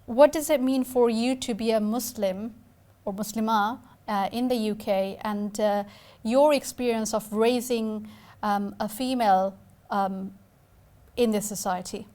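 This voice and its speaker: A woman's voice: on the high side, fairly even intonation, measured pace, dark tone. A woman from Bangladesh hosting a TV discussion show, speaking hesitantly with many fillers and restarts as she talks to guests on a video call. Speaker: TV talk show host.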